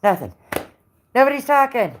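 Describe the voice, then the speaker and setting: Talking at a normal speed with a high, very animated voice, this woman is a woodcarving vlogger making casual conversation with viewers while she works, her breath heavy from the exertion. The audio picks up the roomy workshop sound from a distant microphone and is noisy.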